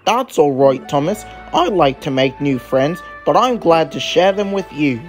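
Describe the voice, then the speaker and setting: A man's voice: fairly high pitch, animated, a little slow, faint music behind. Bertie, a man voicing a kindly cheerful bus. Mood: friendly. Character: friendly cheerful male country bus.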